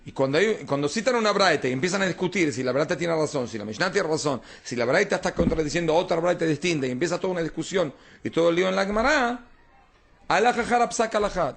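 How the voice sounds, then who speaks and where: A man's voice: on the high side, fast talker, gravelly. A man, a rabbi, teaching an informal Talmud class, explaining texts and often checking that his students follow.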